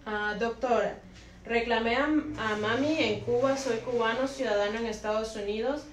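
A woman's voice: on the high side, normal speed, a little hiss or hum. A woman co-host reading viewer questions aloud one after another, in a plain, matter-of-fact way. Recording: echoey room, voice a bit distant from the mic.

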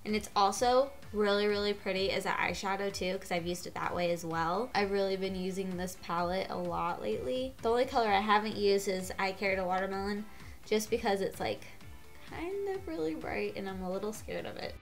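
A woman's voice: mid-range voice, a little fast, soft background music. A congested woman with a cold giving a chatty makeup tutorial, gushing and getting out of breath. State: gets out of breath. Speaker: beauty vlogger.

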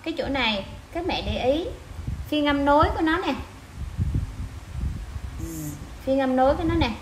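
A woman teaching an online language lesson to parents. She repeats short sentences slowly, one word at a time, and then explains them. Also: sits high, big pitch swings. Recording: echoey room with clear noise.

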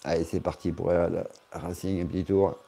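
A man's voice: sits low, little pitch movement, brisk, vocal fry, warm tone. A man chatting casually on a live stream, answering his chat in a rambling, joking way with many hesitations.

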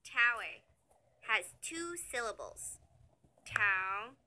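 A woman narrating a children's lesson in a slow, cheery sing-song voice, praising between words, over background music. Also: sits high, sing-song, pushed and bright. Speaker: children's learning app narrator.

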